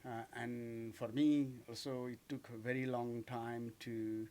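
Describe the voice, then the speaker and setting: A man's voice: medium pitch, level tone, unhurried, warm tone. A man from Nepal with a Nepali accent, answering interview questions in a radio studio, hesitant and full of "uh" and "um". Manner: hesitant, many "uh" and "um", simple phrasing. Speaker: guest, mountaineer.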